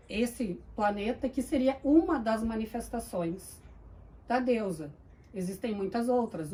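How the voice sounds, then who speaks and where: A woman's voice: on the high side, a little mellow, rough recording. A woman with a Brazilian Portuguese accent giving an informal spiritual teaching as a channel host, explaining things didactically.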